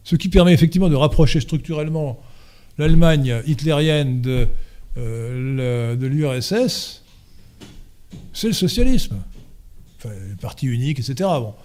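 At a conference, a man with a warm, mid-range voice lectures at normal speed and takes audience questions. He hesitates, filling his speech with fillers and restarts, then drives his points home with emphasis.

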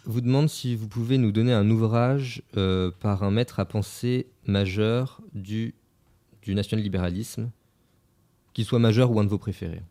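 Brief: male sidekick reading out viewer questions, lowish pitch, dark relaxed timbre. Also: moderate pace. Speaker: co-host reading out audience questions. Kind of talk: relaying questions in a live Q&A.

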